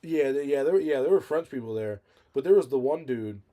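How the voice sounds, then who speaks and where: A man with a mellow, darker voice co-hosts a casual talk show. He rambles through his stories, full of fillers and restarts. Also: medium pitch, animated, brisk. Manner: rambling, many fillers and self-corrections. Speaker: podcast co-host. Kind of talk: casual chat.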